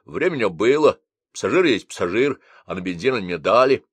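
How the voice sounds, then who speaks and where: A man's voice: lowish voice, expressive, brisk, husky, no room sound. A man doing a grumbling, stubborn lazy driver. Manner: grumbling, stubborn, self-justifying.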